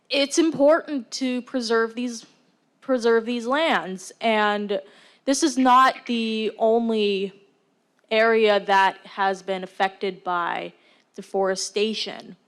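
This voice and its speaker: A young woman student giving an earnest, unscripted answer to an audience question, with many restarts and "like" fillers. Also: medium pitch. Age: young adult.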